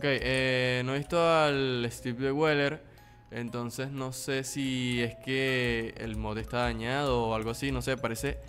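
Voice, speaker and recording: A man's voice: medium pitch, a bit bright. A young man giving casual let's play commentary, slangy and swearing, easily frightened. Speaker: gaming YouTuber.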